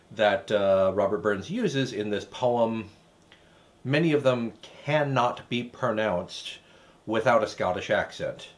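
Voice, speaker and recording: Dry-humored man reviewing food. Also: on the low side. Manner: dry, hesitant, with wry asides. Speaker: cooking show host. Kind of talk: casual recipe review.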